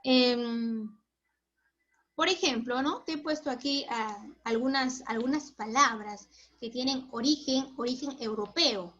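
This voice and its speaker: A woman's voice: on the high side, unhurried, fairly bright tone. A woman teacher giving a chatty recorded lesson, asking herself questions and answering them. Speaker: school teacher. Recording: dull lo-fi recording.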